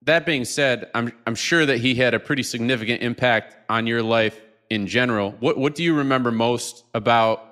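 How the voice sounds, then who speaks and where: A man interviewing a guest, asking gentle questions and restarting his words. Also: mid-range voice, moderate pace.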